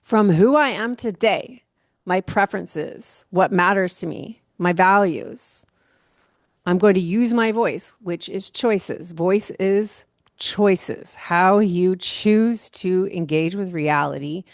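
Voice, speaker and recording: A woman astrologer giving a casual monthly horoscope talk, rambling and relaxed, with many fillers and soft laughs. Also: on the low side, takes it slowly, dry recording, clean studio sound. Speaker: astrologer host.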